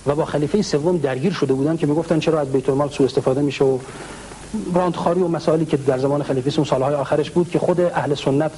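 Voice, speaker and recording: A man with a slightly high, mellow voice lays out historical accounts as a religious scholar answering a question. He clears his throat often and slows down for Arabic quotations. A faint hum sits under the recording. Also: fairly even intonation, rough recording. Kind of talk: explanatory talk retelling historical accounts.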